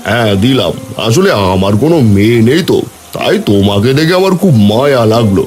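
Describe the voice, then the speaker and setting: A man's voice: medium pitch, big pitch swings, a little fast, darkish tone, faint music behind, natural voice. A man voicing a kindly but firm village headman who is also a poor fisherman. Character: kind middle-aged village headman and fisherman.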